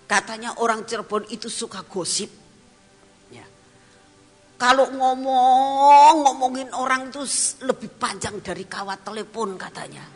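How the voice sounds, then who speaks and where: A woman evangelist, preaching a storytelling sermon, animated and laughing, then dropping to whispered asides. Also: on the high side, a little slow, long reverb tail, soft background music.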